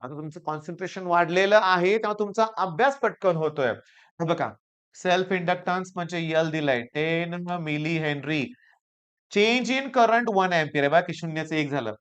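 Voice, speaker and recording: A hoarse man with a Marathi accent runs through exam physics problems, repeating key points and coaxing his students along. His voice stays smooth and resonant despite the sore throat. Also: a little high, moderate pace, fairly bright tone. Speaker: physics teacher. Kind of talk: exam-prep lecture.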